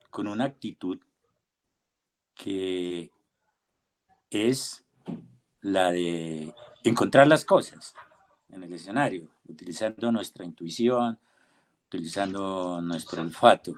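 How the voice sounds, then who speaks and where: Older man, halting and emphatic. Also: fairly low pitch. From Colombia. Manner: deliberate, halting with many pauses and fillers, emphatic rhetorical questions. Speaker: invited theatre director and playwright. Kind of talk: reflective panel talk. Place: home, on a video call. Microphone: computer or headset mic on a video call.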